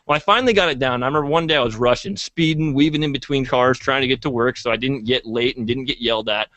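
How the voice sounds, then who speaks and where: A man's voice: mid-range voice, fast talker, sharp tone, no room sound. A young man casually telling a rambling, profane story as co-host of a sales talk. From Hawaii.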